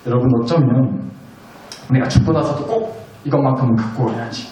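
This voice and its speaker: A man's voice: mid-range voice, normal speed, dark tone, muffled recording. A male pastor giving a Sunday sermon in a conversational way, asking the congregation questions and acting out the people in his stories. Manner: conversational preaching with rhetorical questions. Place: church sanctuary. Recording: very echoey church hall, mic at a distance.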